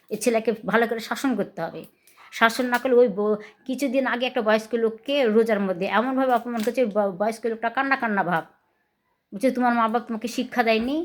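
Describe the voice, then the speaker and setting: A woman with a Rajshahi Bengali accent vlogging at home, telling viewers about a quarrel and repeatedly asking them whether she was wrong. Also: fairly high pitch. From Bangladesh. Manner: aggrieved, repetitive, asks viewers to judge. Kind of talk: casual home vlog, talking to viewers.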